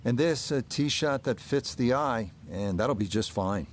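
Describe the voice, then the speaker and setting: A man giving live golf television commentary as lead announcer, in measured, clipped play-by-play calls. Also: mid-range voice. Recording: steady outdoor ambience noise behind.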